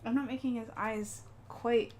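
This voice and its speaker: A woman's voice: on the high side, steady tone, a little slow, darkish tone, slight background noise. A woman streaming live while she paints, chatting casually with viewers in a rambling way and laughing often.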